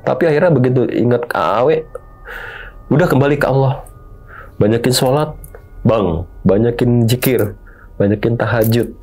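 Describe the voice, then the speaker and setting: A man's voice: medium pitch, a little mellow. A middle-aged man, telling his own story in an earnest, pleading way. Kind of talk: emotional confessional storytelling.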